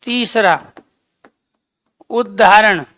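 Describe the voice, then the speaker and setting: A woman teaches a grammar class at a slow, dictating pace, stopping to ask her students questions and then answering them herself. Her voice is bright and clear. The recording is dry and close. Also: medium pitch, no echo. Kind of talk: online class lecture.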